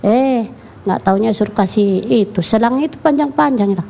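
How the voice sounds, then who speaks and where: Gravelly woman telling her story. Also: a little high, normal speed, warm tone, slight background noise. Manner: recounts in short run-on clauses, plain and colloquial. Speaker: mother giving an interview. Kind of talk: emotional first-person account.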